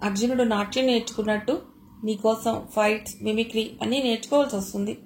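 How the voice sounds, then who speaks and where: A woman's voice: a little high, fairly even intonation, quick pace, a little mellow, a little hiss or hum, natural voice. A woman reading a playful young male student. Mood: teasing. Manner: coaxing, light-hearted.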